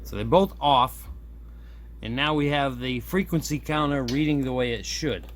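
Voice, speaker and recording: Indoors at his workbench, a hobbyist presents a radio modification in a casual, easygoing demo, reasoning aloud as he works. His voice sits at medium pitch and normal speed, recorded by a camera on a tripod nearby along with steady background noise and room ambience.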